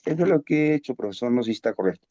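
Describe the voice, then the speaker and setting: A student reading verb drills aloud in careful, halting recitation over an online class call. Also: medium pitch, expressive, dark tone, lo-fi sound.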